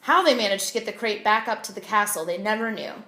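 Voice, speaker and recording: A woman reading a children's novel aloud, with expressive, clear storytelling. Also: mid-range voice, quick pace, reverberant. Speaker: audiobook reader.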